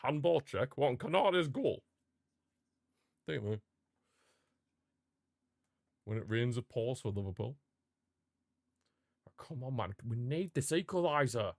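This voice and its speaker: A male streamer with a mid-range voice rants through a football match live, venting passionate, frustrated outbursts at the game and talking to his chat viewers. The recording is dry with clean studio sound.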